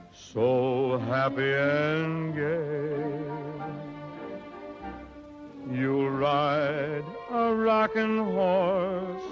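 An actor playing a gentle young man who croons a soft lullaby to a baby, on a dull old 1930s film soundtrack with an orchestra. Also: a little high.

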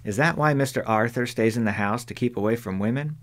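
A man voicing a young, stubborn tomboy girl in an audiobook, speaking bluntly in a raised pitch. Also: fairly quick, close to an everyday voice. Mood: earnest. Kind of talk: audiobook character voice.

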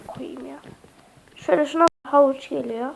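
A Minecraft tutorial YouTuber with a high, slightly sick voice and occasional coughs narrates a casual gameplay tutorial at normal speed. Chatty and hesitant, she fills gaps with lots of "uh" and keeps addressing viewers as friends. Her home desk-mic recording carries a clear hiss and mouse clicks underneath.

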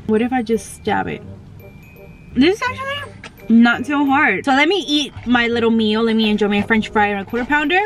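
A woman's voice: on the high side, very animated, fairly quick, faint music behind. A young woman in her twenties chatting casually in a vlog, giggly and full of "like", filmed on a handheld phone. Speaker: beauty vlogger. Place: in a car and out on errands.

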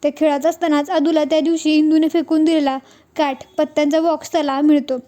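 A woman narrating a recap of a TV serial in a plain, steady storytelling manner. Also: sits high, a little fast.

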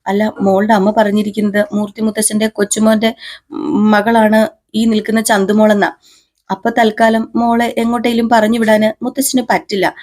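A woman voicing a gentle, patient young wife who talks in a coaxing, pleading way. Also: mid-range voice, little pitch movement, moderate pace, close to an everyday voice. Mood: persuasive.

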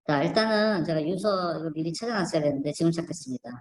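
Her voice is fairly low and a little mellow, and she talks at a quick pace. This channel host rambles skeptically through images shown on screen in casual commentary, with plenty of fillers and false starts. The recording has room echo.

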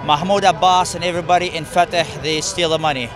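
A man's voice: a little high, flat delivery, quick pace. A young man of Palestinian family, interviewed outdoors at a rally, giving blunt, emphatic opinions. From Palestinian family, born in the UAE. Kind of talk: street interview. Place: outdoor rally on a park lawn.

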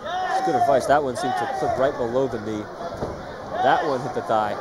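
A man's voice: medium pitch, huge pitch swings, moderate pace. A man giving live play-by-play commentary on a fight. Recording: loud crowd noise behind commentary. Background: loud arena crowd.

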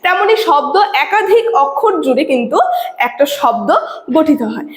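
High-voiced woman teaching in an echoey room. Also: very animated, normal speed. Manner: explains step by step, often checks in with 'okay'. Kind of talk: classroom lecture to students. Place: classroom with a board. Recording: echoey room with long reverb.

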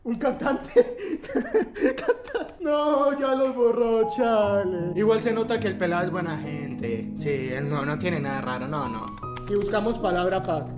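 A young man hosting a comedic reaction vlog, talking in an animated way, laughing often and shouting in surprise. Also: sits high, measured pace. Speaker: YouTuber. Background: background music.

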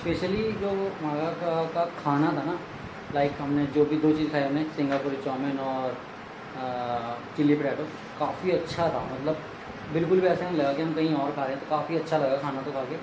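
A young Indian man talks straight to camera in a chatty travel vlog, using hand gestures; his fairly high voice holds a steady tone at a moderate pace. The phone camera, held at arm's length, records him at a busy roadside in summer heat and in a small room at home, with echo, loud street noise, and traffic.

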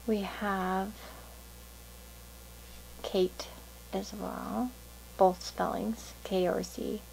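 A woman's voice: on the low side, creaky, darkish tone, a little hiss or hum, poor audio. A woman giving a casual pick-a-card tarot reading to viewers, musing and thinking aloud in a meandering way.

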